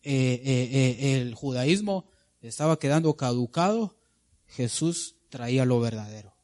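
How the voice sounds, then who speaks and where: A man's voice: medium pitch, animated, a little slow, darkish tone. A man preaching a sermon, dramatically asking the congregation questions and answering them himself.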